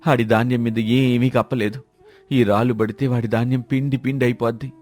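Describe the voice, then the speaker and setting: A man voicing a cautious, kind-hearted village farmer who speaks in a steady, earnest way. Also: mid-range voice, brisk, lightly acted. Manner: steady, earnest, shouts commands when urgent.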